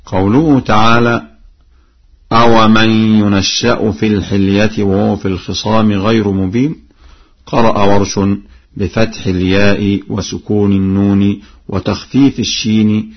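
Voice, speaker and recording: A man with a low, slightly husky voice explains how each Quran verse is read, then chants it slowly as a demonstration. He speaks at a deliberate, unhurried pace, and the recording sounds muffled and lo-fi. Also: flat delivery. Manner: alternates plain explanation with slow chanted recitation. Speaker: Quran recitation teacher.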